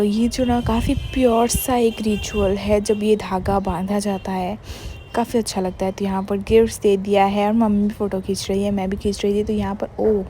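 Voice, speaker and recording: Young woman vlogger, easy chatty voice-over, mellow tone, light English mixing. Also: mid-range voice, slight background noise. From Bengal, India. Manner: chatty, mixes in English words, many "matlab" fillers. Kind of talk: casual vlog voice-over.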